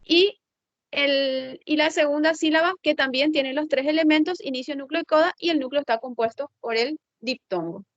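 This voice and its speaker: In an online class, a woman teacher thinks aloud while working through her slides, patiently making sure her students keep up. She speaks at a normal speed in a high-pitched voice and often uses tag questions to check understanding. The audio is dull, with no room sound.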